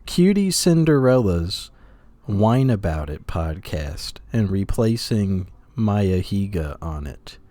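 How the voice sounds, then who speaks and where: A man talks slowly and unhurriedly in a casual podcast chat, laid-back and gossipy, often breaking into laughter. His voice is close and dry, with no room sound. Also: on the low side, sing-song, dark tone, no echo. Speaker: podcast co-host.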